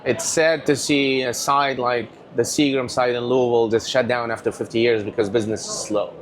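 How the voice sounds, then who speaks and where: A man from Tunisia, telling stories as an animated guest in a casual interview. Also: medium pitch, a little fast, a little hiss or hum. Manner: animated, rambling storyteller. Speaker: whiskey company owner, guest.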